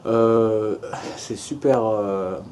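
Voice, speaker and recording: A man's voice: lowish voice, steady tone, extremely slow, dark tone, slight background noise. A young man from France narrating a casual vlog tour of a house and garden, hesitant, with many fillers and restarts. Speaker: travel vlogger.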